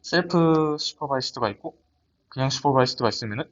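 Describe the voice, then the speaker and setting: A man's voice: medium pitch, fast, a bit bright. Young man presenting a paper, lo-fi. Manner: hesitant, many restarts and fillers. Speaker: student presenter. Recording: dull lo-fi audio.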